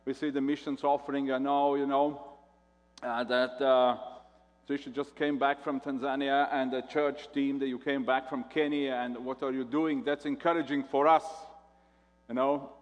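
A man from Latvia with a Latvian accent, a guest pastor preaching a sermon, talking in a halting way and often repeating words. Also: medium pitch, little pitch movement, in a large hall, muffled recording.

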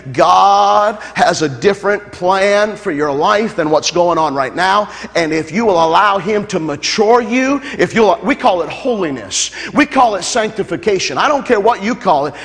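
A notably high-voiced male pastor delivers a sermon to his congregation, layering repeated phrases toward loud, fervent peaks. Now and then he breaks off to joke with the crowd, and the large hall gives his voice a long reverb.

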